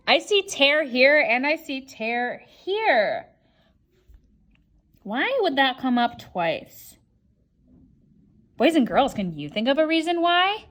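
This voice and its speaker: Slow, higher-voiced woman, kids show host style. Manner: kids show host, addressing children with questions; deliberate, emphatic enunciation of example words. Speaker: teacher hosting a word sort lesson video. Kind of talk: scripted-feeling instructional demonstration for children.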